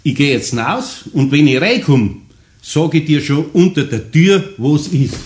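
In a radio play, an actor portrays a good-natured older master carpenter who speaks in a homely, gently teasing Bavarian dialect. The male voice is on the high side, animated and a little slow.

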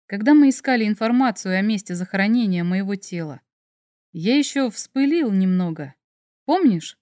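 Teasing dragon emperor in an audiobook, a woman reader doing a lowered male voice, soft and smug, dry booth sound. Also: expressive, normal speed, no room sound, close to an everyday voice. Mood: tender. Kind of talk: audiobook character voice.

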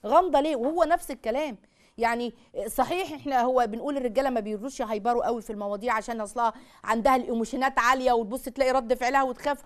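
A woman with an Egyptian accent giving a religious lesson on marriage, lively, acting out little dialogues and firing rhetorical questions at her listeners. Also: fairly high pitch. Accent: Egyptian Arabic. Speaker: lecturer on marriage and family.

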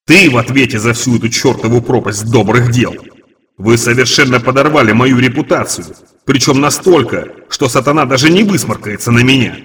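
A man voicing a menacing male demon creditor with an echoing demonic voice effect, loud, slow and commanding. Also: medium pitch, slight background noise. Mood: furious. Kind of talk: audiobook reading.

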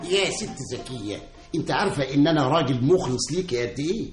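An actor with an Egyptian accent playing a fawning, lovesick suitor who pleads earnestly in an old radio comedy. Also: male voice, fairly high pitch, animated, fairly quick, over music, close to an everyday voice. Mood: wooing. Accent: Egyptian Arabic. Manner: wheedling, earnest pleas. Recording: roomy old radio studio recording.

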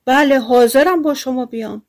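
A woman voicing a tiny, bold and mischievous boy tailor in a fairy tale, cheeky and pitched higher. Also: darkish tone. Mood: eager.

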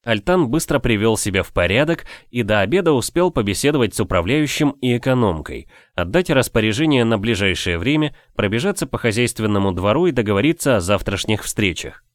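Low-voiced expressive male audiobook narrator. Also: a little fast, hardly any pauses, no echo, studio quality. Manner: expressive storytelling. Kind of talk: scripted narration of a novel.

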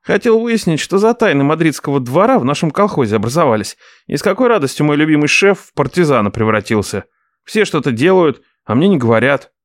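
A man's voice: on the high side, lively intonation, fairly quick, no room sound, studio quality, voice pushed up. A man voicing a cheeky young man who whines, protests and cracks jokes. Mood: whiny. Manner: whiny, protesting, wisecracking.

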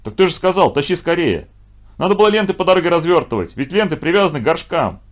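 A man voicing a bossy, scheming schoolboy who talks impatiently and excitedly, in a storybook reading. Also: a little high, fast talker, pitched above the performer's own voice.

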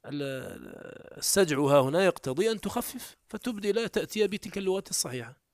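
A man giving a classroom lecture on Arabic morphology, explaining step by step, asking quick comprehension questions, and reciting rhymed prose examples. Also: lively intonation. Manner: shifts often between raised emphatic and low quiet delivery.

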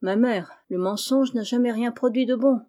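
Woman reading a calm, firm young woman. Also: fairly high pitch, normal speed, pitched above the performer's own voice, natural voice.

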